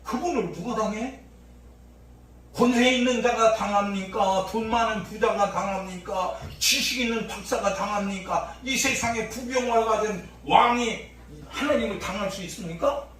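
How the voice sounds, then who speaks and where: A male pastor preaching an impassioned sermon, swinging from low murmurs to shouts, recorded in a church sanctuary during an evening service. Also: normal speed. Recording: echoey church hall from far off, faint noise.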